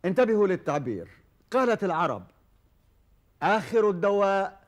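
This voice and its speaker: A man hosting a televised quiz show, formal and measured, with frequent hesitation fillers. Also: high-pitched, very animated. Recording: old television broadcast recording.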